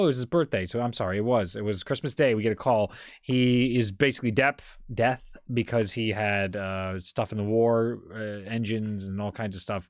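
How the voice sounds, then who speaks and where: Young male podcast co-host, relaxed storyteller, mid-pitch voice, dry close mic. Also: dry recording. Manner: animated storyteller, acts out quoted relatives. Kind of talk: casual chat.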